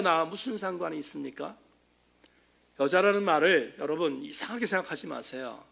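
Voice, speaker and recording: Pastor, male, high gravelly voice, passionate sermon delivery in a church. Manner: impassioned preaching, swelling to loud emphatic peaks. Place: church sanctuary.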